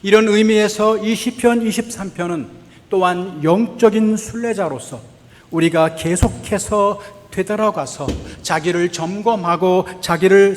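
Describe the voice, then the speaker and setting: A male pastor delivers a sermon with a fairly high voice, earnest and questioning, now and then slipping in a bit of light humor. His voice carries a long reverb, as if filling a large church sanctuary. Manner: earnest, asks the congregation questions.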